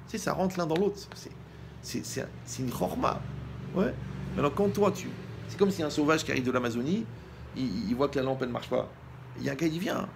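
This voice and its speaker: A man gives a humorous sermon as a rabbi, speaking casually and straight to his listeners. His voice sits in a middle register with a strong gravelly fry. He jokes freely and slips into acted-out scenes as he goes. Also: medium pitch, slight background noise. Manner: lively, joking, talks to the listener directly, acts out scenes.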